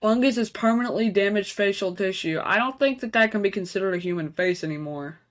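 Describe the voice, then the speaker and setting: Talking fast in a medium-pitched voice, a reaction video host reads the on-screen text out loud. Between passages, he slips in casual, speculative side comments.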